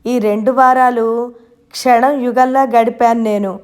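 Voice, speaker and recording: A woman's voice: a little high, steady tone, unhurried, darkish tone, close to an everyday voice. A woman voicing a fond old grandmother. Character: elderly grandmother, fond and fretful.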